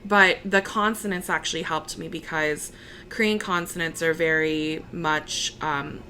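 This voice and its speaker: A young American opera singer speaks slowly in a deep, bright voice during a casual interview, with slight background noise behind her. She's easygoing and chatty, peppering her talk with fillers and laughing readily.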